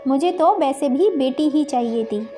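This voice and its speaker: A woman plays a gentle young pregnant wife from a storybook who pleads and reasons. Her voice is high and mellow, with soft music beneath. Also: animated, unhurried. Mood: pleading. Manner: pleading, tearful.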